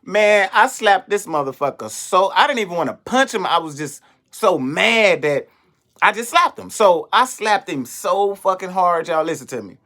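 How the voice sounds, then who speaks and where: A young adult man, a comedian, telling a story in an animated, profane way and acting out the voices of the people in it. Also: high-pitched, normal speed. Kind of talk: storytelling monologue.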